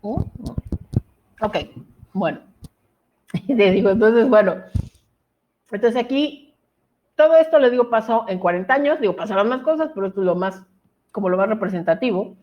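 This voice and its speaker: A woman Bible teacher retelling a story to an online class in a lively, conversational way with quick asides, on a video call mic. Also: mid-range voice, highs cut off.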